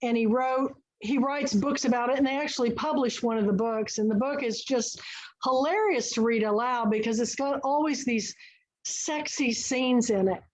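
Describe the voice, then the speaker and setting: A woman with a fairly high voice hosts an online book and film club over video call, speaking at normal speed. She chats eagerly and spins stories in this casual discussion, though the recording is rough.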